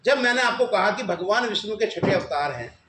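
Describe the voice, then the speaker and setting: Male event organizer, emphatic and insistent, high voice, roomy recording. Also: lively intonation, a little fast. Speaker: event organizer at a press conference. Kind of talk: press conference answers. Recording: echoey room with background noise.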